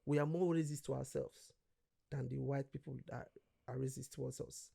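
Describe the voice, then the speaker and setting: A man's voice: mid-range voice, steady tone, moderate pace, vocal fry, mellow, slightly rough. A man from Nigeria, a guest in casual conversation, telling stories animatedly, acting out quoted voices and swearing freely.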